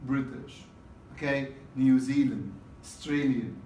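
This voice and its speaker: Teacher lecturing in an echoey classroom. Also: male voice, mid-range voice, slow pace, dark tone, slight background noise. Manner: repetitive, checks in with "okay?". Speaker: exam prep teacher. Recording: roomy classroom from a distance.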